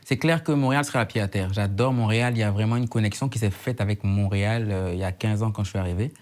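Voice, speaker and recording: A man in his thirties from Côte d'Ivoire speaks in a fairly low voice. He talks reflectively as an interview guest. He circles back to the same words for emphasis, like lines of a poem. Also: quick pace, darkish tone. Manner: reflective, repeats phrases for emphasis. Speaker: slam poet guest. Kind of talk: casual interview chat.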